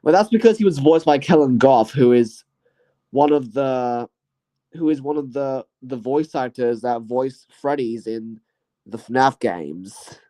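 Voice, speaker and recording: A man's voice: medium pitch, unhurried, mellow. A man hosting his own channel, talking through his year and reviewing movies in a casual, rambling way, hedging often and trailing off. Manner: rambling and hesitant, full of "you know" and "I guess". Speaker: channel host.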